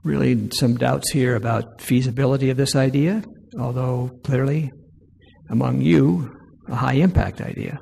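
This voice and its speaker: A man presenting poll results to an audience, reading each item aloud more loudly and slowly. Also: mid-range voice, steady tone, gravelly, breathy edge. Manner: reads each item aloud louder and slower. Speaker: presenter leading a workshop poll. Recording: long hall reverb.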